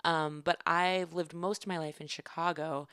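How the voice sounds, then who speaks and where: Low-voiced chatty woman. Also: little pitch movement, moderate pace, a bit bright, clear, resonant tone, dry recording, clean studio sound. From California. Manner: chatty, rambling with many fillers. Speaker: comedian guest. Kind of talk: casual podcast chat.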